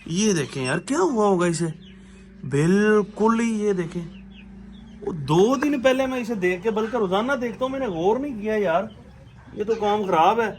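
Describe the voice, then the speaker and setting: A man talks chattily with a high voice, addressing viewers and now and then his birds. He is recorded outdoors on a camera mic. A faint background noise sits under the voice. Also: lively intonation, moderate pace. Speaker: bird keeper showing his birds. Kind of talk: casual vlog talking to viewers. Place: outdoors at bird pens.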